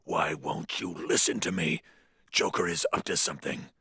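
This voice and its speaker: An actor playing a brooding, self-obsessed superhero, with a deep gravelly growl and cocky deadpan delivery. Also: male voice, moderate pace, heavily acted. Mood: exasperated.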